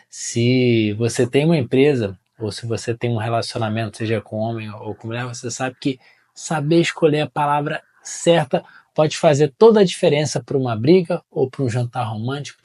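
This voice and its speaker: A man with a Brazilian accent teaching marketing in a relaxed, chatty way. His voice sits at an ordinary middle pitch for a man. He keeps checking in with the listener through quick tag questions. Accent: Brazilian Portuguese. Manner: conversational, often ends phrases with tag questions. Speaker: marketing educator. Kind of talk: casual explanatory talk to camera.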